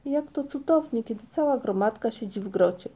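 A woman voicing a gentle, contented mother troll from a storybook, speaking softly and dreamily. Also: a little high, expressive, brisk, slightly rough, voice pushed up. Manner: soft, dreamy.

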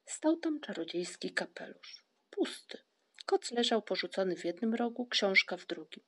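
Calm woman reading a storybook. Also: medium pitch, normal speed, husky. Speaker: narrator. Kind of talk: audiobook reading.

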